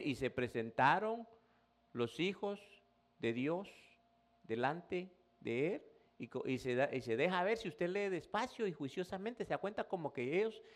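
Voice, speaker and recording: Male pastor, sermon, fairly high voice, very lively pitch, talks to the congregation like a brother. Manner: conversational preaching, addresses listener as brother, rising emphatic bursts.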